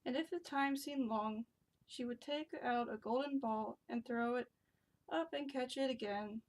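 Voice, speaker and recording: A woman reading a fairy tale aloud from a big storybook at home, keeping her voice quiet and hushed. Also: on the high side, rough recording. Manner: hushed, talking quietly so as not to wake someone.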